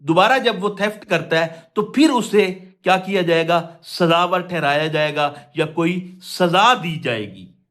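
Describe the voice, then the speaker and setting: Animated and somewhat bright, a high male voice belongs to a Pakistani man teaching law through an explanatory lecture in Urdu mixed with English legal vocabulary. He questions and then answers himself, and he takes quoted provisions slowly, segment by segment.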